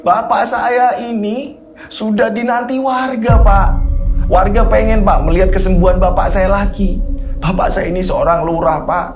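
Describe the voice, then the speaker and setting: A man's voice: sits high, steady tone, normal speed, soft background music, close to an everyday voice. A man voicing a desperate young man who pleads tearfully for help for his sick father. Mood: pleading.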